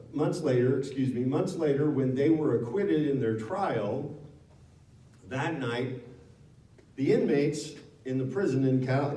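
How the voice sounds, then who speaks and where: A man from Nevada, a guest at a town hall, tells the audience a personal story frankly and conversationally, correcting himself along the way. His voice is fairly low and dark, recorded from a distance in an echoey meeting room.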